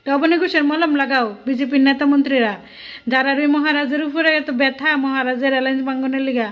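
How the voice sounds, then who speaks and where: A woman's voice: high voice, steady tone, quick pace. A woman delivering a sarcastic political rant full of rhetorical questions. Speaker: political vlogger. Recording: dull lo-fi audio.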